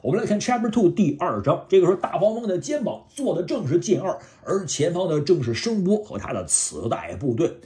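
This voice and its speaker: A man hosting a video, casually retelling a comic story with a chatty, lively delivery. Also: high-pitched, brisk, few pauses. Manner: lively, chatty, acts out lines. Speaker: host retelling a manga.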